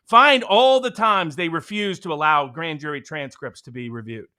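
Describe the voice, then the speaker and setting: A man's voice: on the high side, moderate pace, pushed and bright, clean tone. A man co-hosting a political commentary show, talking emphatically and sarcastically. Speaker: co-host.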